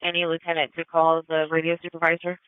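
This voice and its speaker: A man's voice: fairly high pitch, monotone, quick pace, clean tone, dry recording. A male police dispatcher giving clipped, formal calls over a police radio transmission. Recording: tinny, narrow radio band.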